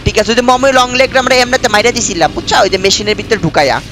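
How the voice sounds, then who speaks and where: A man's voice: very high-pitched, very fast. A young man, chatting casually over a game while his throat is sore from a cold. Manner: chatty, keeps calling the viewer brother. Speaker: gaming streamer. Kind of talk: casual gameplay commentary.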